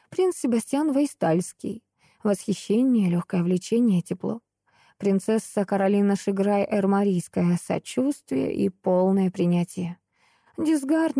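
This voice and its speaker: A woman narrating a fantasy audiobook in the first person, reading in an expressive storytelling way. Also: mid-range voice, no echo, clean studio sound.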